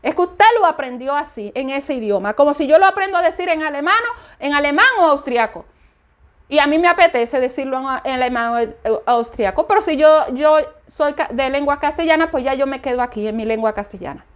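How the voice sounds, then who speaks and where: Very high-voiced woman preaching. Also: fairly quick. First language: Spanish. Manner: emphatic, repeating each point several times. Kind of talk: informal spoken sermon.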